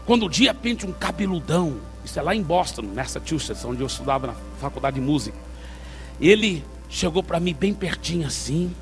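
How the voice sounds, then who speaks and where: Animated preaching man, fairly high voice. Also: brisk, faint music behind. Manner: animated storytelling, calling out to the congregation. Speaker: pastor. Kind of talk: sermon.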